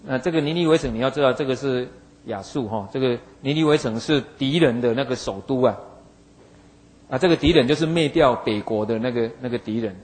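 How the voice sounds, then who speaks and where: A man's voice: mid-range voice, fairly quick, a little mellow, low-quality recording. A man preaching, retelling a Bible story in a folksy way and acting out the figures in it. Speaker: pastor.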